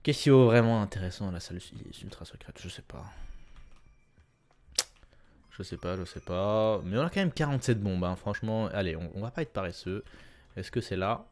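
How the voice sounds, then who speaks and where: A young man casually commenting on his own video game run, chatty and self-correcting with sudden excited bursts. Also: fairly low pitch, brisk. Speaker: gameplay commentator. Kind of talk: casual let's-play commentary.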